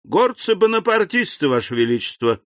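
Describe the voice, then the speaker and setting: A man's voice: high-pitched, very animated, no echo, clean studio sound, pitched above the performer's own voice. A man playing a deferential young prosecutor. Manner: polite, measured, bowing tone. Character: deferential ambitious young prosecutor, careful courtier.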